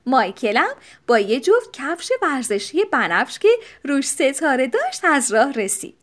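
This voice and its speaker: Animated woman reading a children's storybook. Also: high voice. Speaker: audiobook narrator.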